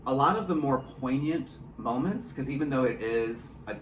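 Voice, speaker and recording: An audio drama writer and director talks about his creative work in a relaxed interview, his mid-range voice expressive and his pace moderate. He's a talker who runs himself down and swears a bit. He's indoors in a small home studio, captured with roomy echo and faint background noise.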